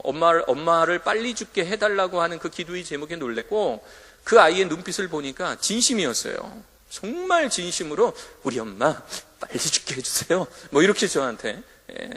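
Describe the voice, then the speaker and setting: Give me a man giving a chapel sermon to students, with a lively, rising and falling delivery. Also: fairly high pitch. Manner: animated storytelling, acts out quoted voices. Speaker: school chapel preacher. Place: school chapel hall. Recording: hall reverb.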